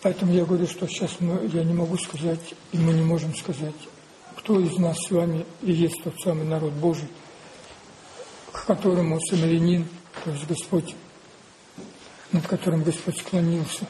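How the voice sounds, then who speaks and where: A man preaching a sermon, deliberate and repetitive, posing rhetorical questions and answering them himself. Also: a little high, little pitch movement, warm tone, a little hiss or hum, low-quality recording.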